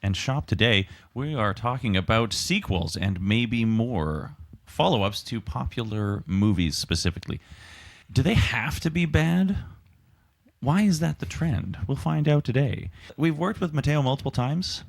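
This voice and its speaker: A man opening a podcast episode in an upbeat presenter manner. His pitch is ordinary, middle range. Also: expressive, normal speed, vocal fry. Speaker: podcast host. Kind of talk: podcast intro and chat.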